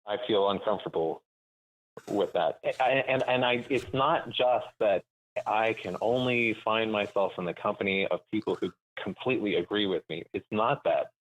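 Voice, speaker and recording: A man calling into a show, speaking thoughtfully and haltingly over a clipped phone line, pausing often to search for words. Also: lowish voice, fairly bright tone. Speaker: caller. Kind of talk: call-in conversation. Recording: narrow tinny phone line.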